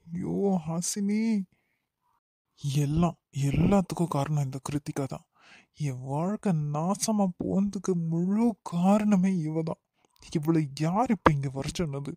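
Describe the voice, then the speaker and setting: Despairing young guy done by a man, mellow dry voice, kanyakumari tamil accent. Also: sits high, measured pace, no room sound. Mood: remorseful. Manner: despairing, self-reproaching. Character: guilt-ridden young man lamenting his mistake. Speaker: cartoon character.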